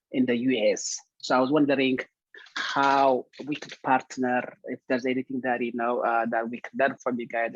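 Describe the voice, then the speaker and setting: A husky man from Ethiopia speaks over a dull, lo-fi video call line in a dry, close sound. He talks at a middling pitch and pauses often with fillers as he works through his question. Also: dry recording. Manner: hesitant, many fillers. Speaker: webinar attendee.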